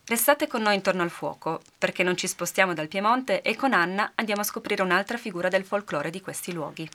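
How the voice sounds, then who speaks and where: Bright-voiced woman folk tale narrator. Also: medium pitch, brisk. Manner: lively, expressive storytelling. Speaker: podcast storyteller.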